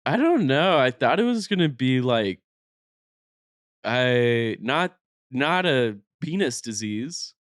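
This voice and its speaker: A man's voice: medium pitch, very animated, takes it slowly, no echo. Male podcast co-host, playful and needling, mid-range voice, dry sound. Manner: playful, needling, easily amused. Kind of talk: casual banter about fashion and basketball.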